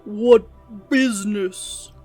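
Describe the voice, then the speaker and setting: Brief: a woman doing a dim, burly male guard, gruff and sluggish, for a tabletop game. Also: high-pitched, steady tone, very slow, mellow, faint music behind, full character voice. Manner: gruff, sluggish, angling for a bribe. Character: brutish, slow-witted male gate guard.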